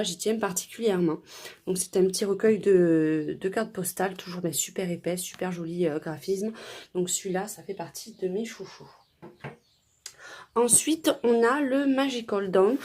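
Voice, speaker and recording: Husky-voiced chatty woman vlogger. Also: medium pitch, mellow. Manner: chatty, many fillers, trailing restarts. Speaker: coloring book vlogger. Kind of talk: casual show-and-tell chat.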